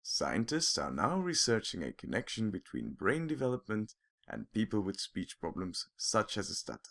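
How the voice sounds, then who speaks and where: Low gravelly man narrating an explainer. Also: normal speed. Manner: calm, clear, explaining step by step.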